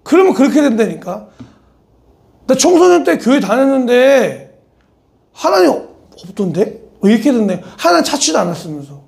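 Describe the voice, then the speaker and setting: A man preaching at a church service with a strikingly high voice that carries a rough, gravelly fry. He speaks conversationally and animatedly, moving between polite address and blunt casual remarks. He talks straight to his listeners. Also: very animated, moderate pace, darkish tone. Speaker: pastor.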